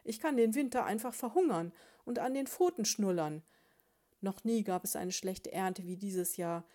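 A woman voicing a stingy, grumpy male hamster farmer who snaps, blusters and shouts in complaint. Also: mid-range voice, moderate pace, lightly acted. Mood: angry shouting. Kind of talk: audiobook character voice.

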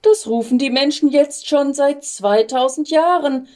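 Woman playing carefree angels, lighthearted, brisk, raised pitch, storybook. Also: a little mellow. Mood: easygoing. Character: group of cheerful angels, easygoing. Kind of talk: storybook reading.

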